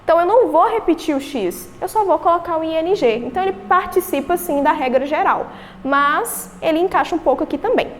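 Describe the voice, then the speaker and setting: A high-pitched woman with a Brazilian Portuguese accent teaches an English lesson, walking through each rule step by step. She asks herself questions and then answers them. Her voice rings with a long reverb, as if she is in a reverberant room. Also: lively intonation, a little fast, a little hiss or hum. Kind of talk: recorded remote lesson.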